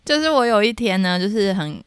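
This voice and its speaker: A young woman, co-hosting a podcast and telling a story in a dramatic, animated way. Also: mid-range voice, brisk, clean tone, dry recording, studio quality. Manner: animated, dramatic retelling with shouted quotes. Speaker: podcast co-host. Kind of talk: casual storytelling chat.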